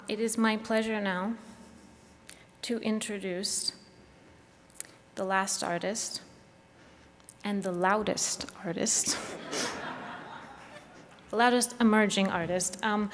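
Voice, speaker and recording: A woman giving a formal introduction of a speaker at a conference, reading a bio with some fillers and a light joke, on a lectern mic in a large convention hall. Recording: long hall reverb, faint rumble.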